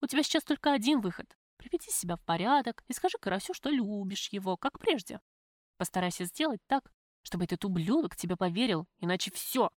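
A woman voicing a streetwise young woman who scolds her friend bluntly in rough slang, for an audiobook. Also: mid-range voice, lively intonation, quick pace, no echo, clean studio sound, close to an everyday voice. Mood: bossy.

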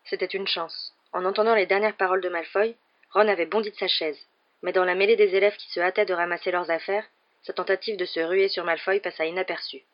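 Steady audiobook narrator, dull recording. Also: medium pitch, brisk. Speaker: audiobook reader. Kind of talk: scripted narration.

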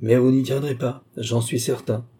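A man voicing a calm, ironic and mysterious count, speaking with unhurried composure. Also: medium pitch, slightly rough, pitched above the performer's own voice, natural voice.

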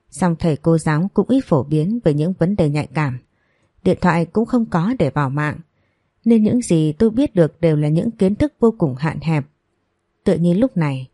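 A woman reads a first-person story aloud in a calm, measured voice that sits fairly low. Her tone is dark and mellow. The recording is dry and close, with no room sound. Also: dry recording. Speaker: narrator.

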